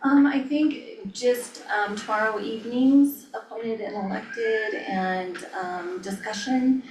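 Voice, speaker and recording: An American woman, a staff official, giving informal updates at a public meeting with hesitant, halting phrasing. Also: fairly high pitch, a little mellow. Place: indoor public meeting room. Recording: echoey room, distant mic, faint noise.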